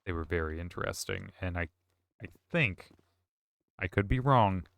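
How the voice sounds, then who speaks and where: A man's voice: deep voice, lively intonation, normal speed, creaky, fairly bright tone, slight background noise. A man streaming a game, chatting casually with viewers in a rambling, self-correcting way. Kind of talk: casual chat while gaming.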